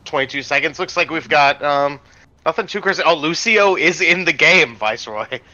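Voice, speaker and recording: A man's voice: on the high side, expressive, moderate pace, bright, forceful tone, dull audio. A man casting an amateur video game match with playful, rambling play-by-play commentary full of ums. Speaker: esports caster.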